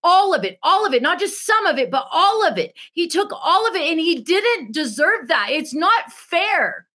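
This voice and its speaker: A woman's voice: very high-pitched, very animated, normal speed, sharp tone. A young woman preaching an earnest, emotional devotional message, repeating key phrases for emphasis. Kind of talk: Good Friday devotional teaching.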